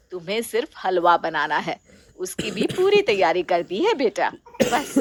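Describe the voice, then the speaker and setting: A woman's voice: lowish voice, a bit bright, full character voice. Kindly, patient mother-in-law, as a woman plays her. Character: kind, open-minded middle-aged mother-in-law. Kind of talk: storybook voice acting.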